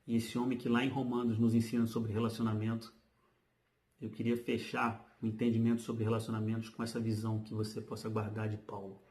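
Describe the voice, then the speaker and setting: A man preaching a sermon, reading Bible passages aloud and then explaining them in relaxed, everyday speech. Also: on the low side, brisk. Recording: roomy, echoey.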